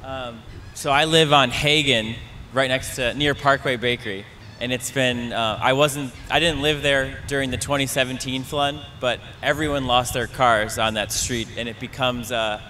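Man, audience member, casual, hesitant, fillers, bright forceful voice. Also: medium pitch, normal speed, few pauses, a little hiss or hum. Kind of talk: public panel discussion.

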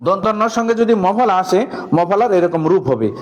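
High-voiced male madrasa teacher. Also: expressive, darkish tone. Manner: leads call-and-response drills, slow chanted rhymes. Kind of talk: classroom lesson for teachers. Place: classroom with a board.

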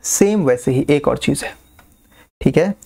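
A man teaching chemistry in a casual classroom style, repeating key terms slowly and often checking that students follow. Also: on the high side, lively intonation, creaky, darkish tone. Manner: coaxing, checks understanding often.

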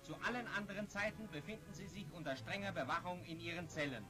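A man's voice: high-pitched, quick pace. A man narrating a scripted 1940s newsreel in a formal, declamatory manner, on a vintage soundtrack. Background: loud music.

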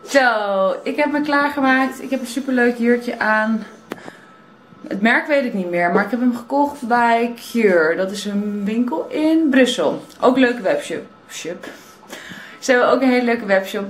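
A young woman with a Netherlands Dutch accent chatting casually to a handheld camera as a vlogger. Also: a little high. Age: young adult. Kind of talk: casual vlog chat to camera. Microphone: handheld camera at arm's length. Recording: clear background noise, handheld camera.

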